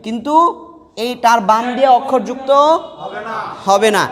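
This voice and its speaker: High-voiced man teaching a class. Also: a little slow. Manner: quizzes the class with questions, drills letters by repetition. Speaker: Quran teacher and mosque preacher. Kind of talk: classroom lesson. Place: classroom with students present. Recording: reverberant hall.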